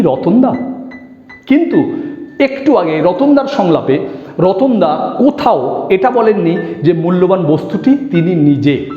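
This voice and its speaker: A man's voice: high-pitched, warm tone. A man teaching an online acting class, explaining patiently, calling viewers his friends, and acting out lines to show where the stress falls. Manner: explains slowly, addresses viewers as friend, demonstrates dialogue readings. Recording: echoey room, slightly dull sound, faint music.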